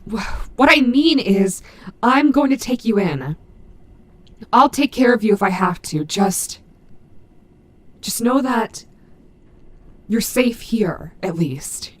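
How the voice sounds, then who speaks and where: A woman voicing a gruff but maternal animatronic wolf in an audio roleplay, fiercely protective, with halting, earnest, emphatic delivery. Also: on the high side, expressive. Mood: protective, tender. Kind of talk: dramatic audio roleplay addressed to the listener.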